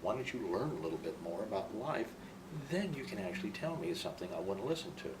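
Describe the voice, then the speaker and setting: A man's voice: lowish voice, very animated, quick pace. An older man, a military veteran, remembering his past in an interview in an opinionated, emphatic way. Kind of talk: reminiscing in an interview. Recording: distant microphone, clearly noisy room.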